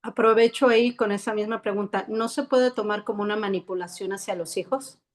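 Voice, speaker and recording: A woman moderating a panel with short, brisk prompts. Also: medium pitch, fairly even intonation.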